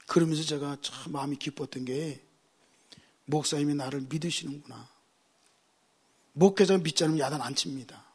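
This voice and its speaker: A male pastor delivers a sermon with humorous stories. His voice sits fairly high and carries a husky edge. He hammers his points home by repeating key phrases. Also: normal speed, long pauses. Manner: humorous storytelling preacher, emphatic repetition.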